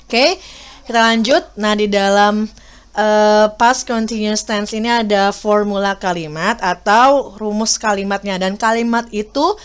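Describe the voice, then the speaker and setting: An Indonesian woman teaches English to young students, speaking with her Indonesian accent. She explains patiently, repeats key words slowly and fills pauses with small fillers. Her voice sits at an ordinary middle pitch. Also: smooth. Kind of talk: classroom video lesson.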